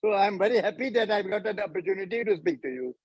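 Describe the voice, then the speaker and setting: A man's voice: high voice, fast talker, breathy edge, dry recording, low-quality recording. A man in his seventies from Myanmar on a group video call, talking in an effusive, formal and grateful way. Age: 70s. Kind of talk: casual chat.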